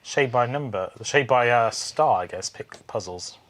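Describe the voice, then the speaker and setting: A man's voice: mid-range voice, animated, a little slow, fairly bright tone. A man hosting a puzzle game playthrough, chatting casually with dry, wry humour as he thinks aloud.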